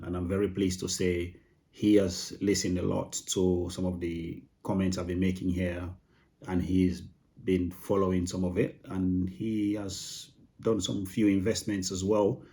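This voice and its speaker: A man's voice: deep voice, level tone, moderate pace, warm tone. A man with a Sierra Leonean accent hosts a video channel, chatting casually to viewers in an informal, rambling way with repeated phrases. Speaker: YouTube host of a property channel. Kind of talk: casual chat to camera.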